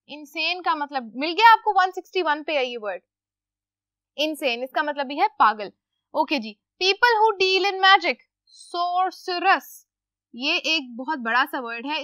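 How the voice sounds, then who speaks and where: A woman's voice: high-pitched, bright, forceful tone, no room sound, studio quality. A woman teacher, explaining a lesson to children patiently, asking questions and answering them herself. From Pakistan.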